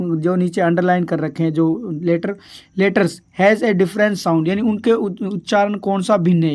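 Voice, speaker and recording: Male teacher doing exam revision, asks "what is it" then answers himself, keeps saying dear children, drags english words out slow. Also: high voice, darkish tone. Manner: keeps asking and answering his own questions; addresses pupils as dear children.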